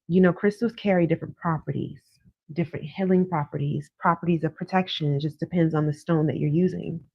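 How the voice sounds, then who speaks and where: A woman's voice: lowish voice, dry recording. Woman, live-stream psychic host, chatty and casual, stretches words for emphasis. Dull, close, dry phone sound. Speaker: psychic tarot reader hosting a live call-in. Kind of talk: casual live-stream chat and card reading. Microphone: phone propped on a desk.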